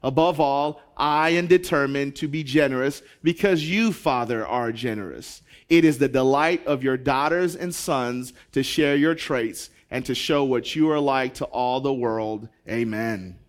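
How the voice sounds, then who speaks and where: A man's voice: medium pitch, measured pace, few pauses. A young adult man from Zambia, a pastor talking energetically to his congregation during a sermon.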